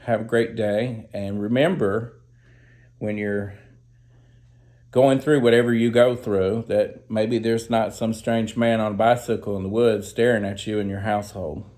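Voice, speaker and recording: A man's voice: lowish voice, fairly even intonation, a little slow, darkish tone. Chatty Southern man telling stories. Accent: Southern American. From Southern United States. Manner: rambling, chatty, with fillers and asides. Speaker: storyteller vlogger. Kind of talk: casual personal storytelling.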